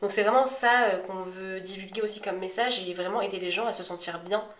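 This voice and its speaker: A woman's voice: medium pitch, steady tone, brisk, over a noisy crowd. A woman co-hosting a podcast, talking in a casual, conversational way about herself and her views. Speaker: astrology podcast co-host. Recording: echoey room.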